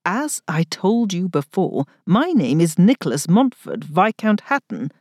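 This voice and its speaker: Play a wry young viscount, voiced by a woman narrator, formal and teasing in an old-fashioned storybook way. Let the lines swing widely in pitch, and keep the sound close and dry. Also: very animated, unhurried, a little mellow, no echo. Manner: formal period speech, rising to a strained high pitch.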